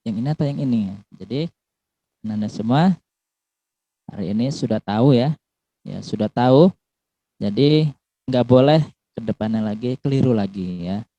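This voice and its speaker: A man's voice: medium pitch, animated, mellow, muffled recording. A man teaching Quran pronunciation to pupils, drawing out letter sounds and adding "ya" after each point. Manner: slow, repeats and drills letter sounds; ends phrases with a questioning "ya". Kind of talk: recorded lesson for pupils.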